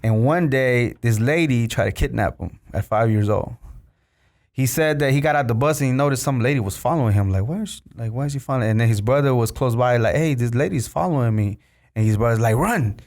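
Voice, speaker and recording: A man's voice: mid-range voice, fairly quick, a little mellow. A man from Mexico hosting a podcast, chatting casually and telling stories, often saying "you know" and "bro". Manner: storytelling, says "bro" and "you know" a lot. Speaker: podcast host. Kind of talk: casual interview chat.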